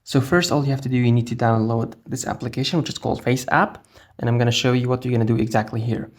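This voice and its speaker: A man with a mid-pitched voice narrates a phone app tutorial. He speaks casually and explains things step by step, as the host of a how-to video. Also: fairly even intonation, fast.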